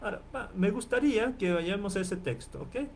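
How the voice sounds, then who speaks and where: A man lecturing as a professor in an online class, explaining and repeating terms slowly and checking in with his listeners often. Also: high voice, lively intonation, creaky, a little mellow, slight background noise. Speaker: Bible professor.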